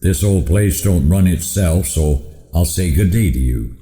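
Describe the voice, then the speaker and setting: A man's voice: sits low, animated, unhurried, mellow. A man voicing a proud, forgetful old rancher in a cowboy poem, with a folksy drawl. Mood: proud, rambling. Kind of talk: rhymed cowboy poem dialogue. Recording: roomy echoing hall.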